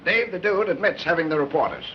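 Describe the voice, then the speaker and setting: A man's voice: a little high, lightly acted. A man playing a blustering big-city mayor. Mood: indignant. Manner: brisk, commanding. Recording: dull old 1930s film soundtrack, faint hiss.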